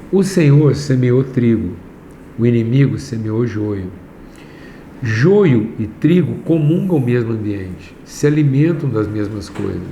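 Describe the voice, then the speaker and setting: Gravelly man preaching slowly and emphatically. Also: on the low side. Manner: slow and emphatic, swings from raised to hushed. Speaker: pastor teaching a class. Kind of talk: sermon. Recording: echoey room, faint background noise.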